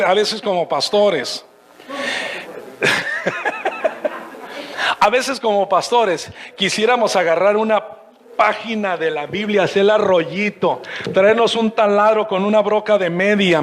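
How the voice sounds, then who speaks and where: A man preaching a sermon as pastor, rising to shouted bursts. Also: high voice.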